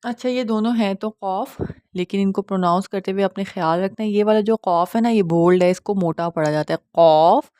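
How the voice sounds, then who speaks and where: A woman teaching Quran recitation in an online lesson, patient and reassuring, often checking that the listener follows and drawing out each letter sound slowly with stress. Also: medium pitch, mellow, no room sound, clean studio sound.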